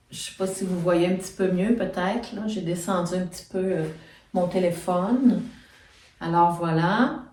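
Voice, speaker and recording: A woman's voice: mid-range voice, dark tone, far from the mic. A middle-aged woman with a Quebec French accent, chatting casually as she shows her sewing, explaining step by step with plenty of fillers. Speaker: knitting and sewing vlogger. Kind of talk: casual show-and-tell chat. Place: home, filmed on a phone. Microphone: phone camera set back from her. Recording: echoey room, voice off-mic.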